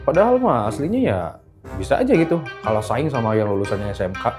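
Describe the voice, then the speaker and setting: Man doing a sneering middle-aged boss, lecturing, fast talk, lively pitch. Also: faint music behind. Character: middle-aged male boss, preachy and short-tempered.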